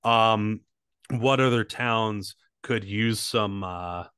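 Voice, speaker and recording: A man's voice: fairly low pitch, drawn-out words, a bit bright, smooth, no room sound, clean studio sound. A man co-hosting a comedy podcast, swearing freely and riffing on silly bits in casual banter. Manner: joking, crude, riffs with silly bits. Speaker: podcast co-host.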